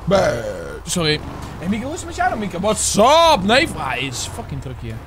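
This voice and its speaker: Brief: twenties Dutch streamer, animated and high-pitched, casual slang and swearing. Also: male voice, a little fast, crowd noise. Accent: Netherlands Dutch. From Netherlands. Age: 20s. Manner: chatty, slangy, swears often, talks to viewers. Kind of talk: casual game roleplay commentary.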